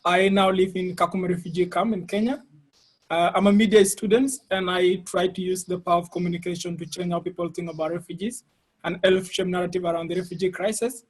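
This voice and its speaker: Earnest man introducing himself, high voice. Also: steady tone, quick pace, poor audio. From Ethiopia. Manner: earnest, firm, with uh fillers. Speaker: media student, panel speaker. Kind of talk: self-introduction on a panel. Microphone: video call.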